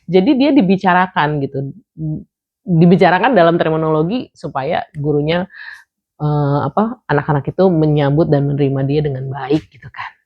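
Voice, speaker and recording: A woman vlogger with a low voice tells a personal story in a chatty, rambling way. She fills pauses and restarts often, and slips English words into her sentences. The recording sounds dull and lo-fi. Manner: chatty, many fillers and restarts, drops English words into the talk. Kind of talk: casual storytelling.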